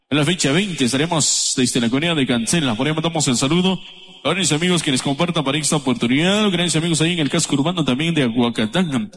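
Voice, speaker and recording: A man from Guatemala hosting live radio and reading out listener greetings one after another in a brisk, repetitive way. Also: a little high, fairly bright tone. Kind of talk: live radio shout-outs. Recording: long hall reverb.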